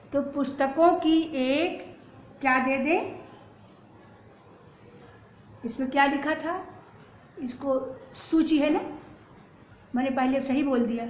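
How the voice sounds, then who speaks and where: A woman teaching a grammar lesson for exam preparation, saying each sentence slowly and then repeating it in its corrected form. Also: high voice, darkish tone, slight background noise. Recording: slightly dull, roomy lo-fi recording.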